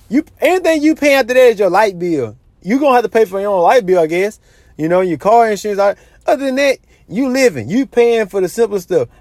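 High-voiced man lecturing casually. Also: darkish tone, no echo, studio quality. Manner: repetitive, lecturing, says "you know what I'm saying" a lot. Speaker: money advice vlogger. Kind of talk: casual advice monologue.

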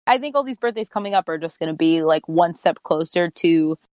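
Young woman co-host, twenties, relaxed and reflective, slightly low pitch, dry recording. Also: a little fast, no room sound. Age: 20s. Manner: reflective, many "like" fillers. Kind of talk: casual chat among friends.

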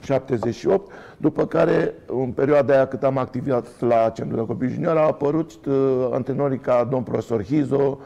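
A man's voice: mid-range voice, vocal fry, warm tone, dull audio. An older man, a former footballer telling stories as a guest in a casual interview, rambling and restarting often. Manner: rambling, anecdotal, frequent restarts. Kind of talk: casual conversational storytelling.

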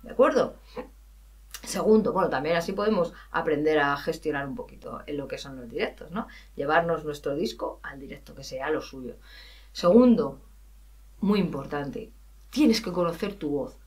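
A woman's voice: low-pitched, moderate pace, recorded from a distance. A woman from Spain with a Spanish accent, a singing teacher talking casually and animatedly on a podcast, acting out her students' lines. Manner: animated, chatty, acts out students' lines, laughs at herself.

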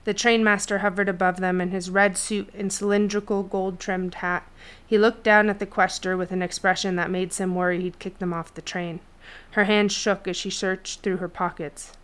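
A woman narrating a fantasy novel chapter in a steady storytelling read. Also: medium pitch, moderate pace, hardly any pauses, clear, resonant tone. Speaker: audiobook narrator. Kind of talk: scripted fiction narration.

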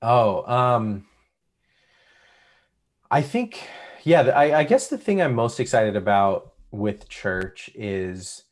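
Man, low voice, podcast co-host, reflective, hesitant, remote call recording. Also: lively intonation, slow pace. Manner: reflective, hesitant, many fillers and restarts. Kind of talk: casual podcast chat.

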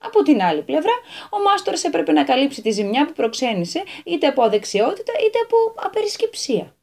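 A woman reading a children's story on community radio with an expressive, lively delivery. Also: high voice, vocal fry.

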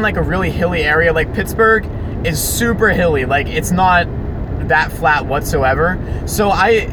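A young man rambling to listeners while he drives, captured as a phone voice-recorder memo inside a car on the highway. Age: young adult. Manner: chatty, loose and self-interrupting. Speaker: podcast host. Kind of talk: rambling solo talk while driving. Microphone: phone voice recorder app. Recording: phone memo with loud road noise. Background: loud road and traffic noise.

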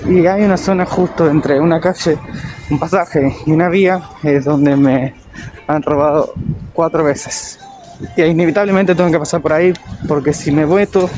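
Male caller on a noisy street. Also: a little high. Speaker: radio listener caller.

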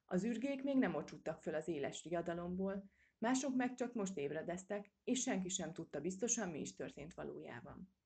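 A woman reading a children's storybook aloud in a steady, measured way. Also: fairly low pitch, creaky, husky. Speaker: audiobook reader. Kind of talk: storybook narration.

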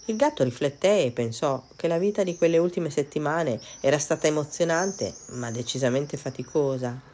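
A woman reads a children's fairy tale aloud with a notably low voice. Her storytelling is expressive and measured, shaping each scene with care. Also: slight background noise. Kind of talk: storybook narration.

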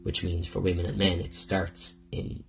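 A man with a low, gravelly voice hosts a podcast, talking through a rambling, heartfelt monologue and swearing freely along the way. Plucked guitar music plays clearly behind him. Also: monotone, normal speed. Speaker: podcast host. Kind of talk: casual personal monologue.

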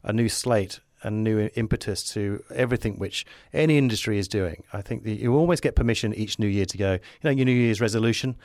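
A man's voice: lowish voice, fast talker, hardly any pauses, darkish tone, dry recording, studio quality. A man chatting casually as a podcast guest, enthusiastic and optimistic in a rambling, musing way. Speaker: podcast guest, advertising creative. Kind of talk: casual conversational interview.

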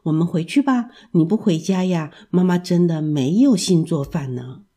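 A woman voicing a gentle, loving mother who soothes her child in a storybook. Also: lowish voice, animated, moderate pace. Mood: soothing. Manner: soft, soothing.

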